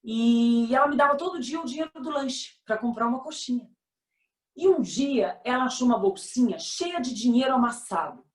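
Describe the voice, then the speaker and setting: A woman's voice: a little high, moderate pace, echoey room. A woman with a Brazilian Portuguese accent giving a motivational talk as guest speaker, telling stories expressively and acting out the voices of the people in them. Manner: expressive storyteller, acts out quoted voices.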